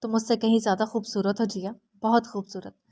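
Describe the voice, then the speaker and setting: A woman's voice: fairly high pitch, flat delivery, dark tone, close to an everyday voice. A woman doing a smug, scheming young man. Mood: smug teasing.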